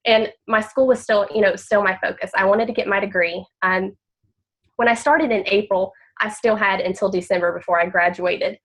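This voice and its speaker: A woman's voice: medium pitch, fairly even intonation, normal speed, a bit bright, poor audio. A woman with a nasal, congested voice from blocked sinuses, chatting openly about her story and tips on a group call. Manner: open, chatty, repeats words. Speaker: team member telling her story. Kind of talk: casual personal talk on a group call.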